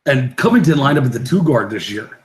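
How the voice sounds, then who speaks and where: A man's voice: mid-range voice, sing-song, fairly quick. A man in a casual basketball debate, questioning and arguing points like a fan on a panel. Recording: roomy echoing room sound.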